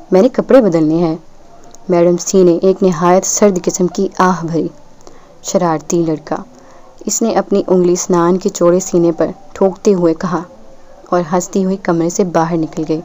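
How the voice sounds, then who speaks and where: A woman reading a novel aloud as an audiobook narrator, in a steady, measured way. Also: fairly low pitch, slight background noise.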